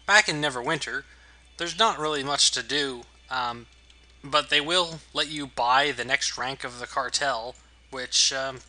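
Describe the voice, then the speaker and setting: Very bright-voiced man doing game commentary. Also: mid-range voice, unhurried. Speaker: gaming video host. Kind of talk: casual let's play commentary.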